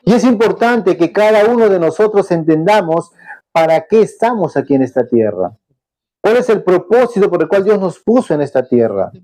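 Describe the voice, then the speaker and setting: A man's voice: sits high, big pitch swings, normal speed, dark tone, rough recording. A man preaching a sermon as pastor, impassioned, often restarting his words.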